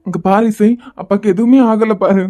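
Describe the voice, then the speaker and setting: A woman's voice: mid-range voice, steady tone, moderate pace, lightly acted. Lady doing a young cartoon dad, protective, short fuse, kanyakumari tamil accent. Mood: anxious. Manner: forceful, reassuring to family. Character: young father, protective and hot-tempered.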